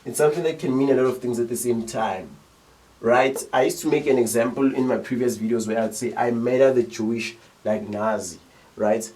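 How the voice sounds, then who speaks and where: A young man with a South African accent talks through a lesson casually, keeping listeners engaged with quick check-in questions. His voice sits at a middle pitch and sounds slightly distant from the microphone. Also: mellow. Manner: chatty, checks in often with rhetorical questions. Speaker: teacher.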